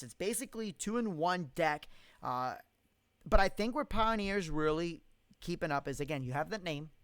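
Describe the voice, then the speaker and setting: High-voiced blunt man ranting on a live stream. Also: a bit bright, clean tone, no echo. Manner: blunt and profane, rants with strong opinions. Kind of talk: casual live-stream Q&A, reading out comments. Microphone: studio condenser mic.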